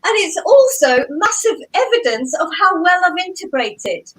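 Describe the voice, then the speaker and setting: High, lively woman doing stand-up. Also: moderate pace, poor audio. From Zambia. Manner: animated, punchy delivery with playful self-mocking asides. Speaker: stand-up comedian. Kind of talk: stand-up comedy set.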